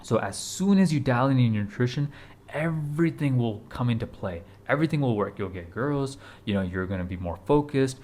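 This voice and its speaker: This fitness vlogger, a man in his 20s, has a medium-pitched, darkish voice that is expressive and fairly quick. He motivates viewers to camera in a casual, urgent, blunt way, repeating himself and swearing casually.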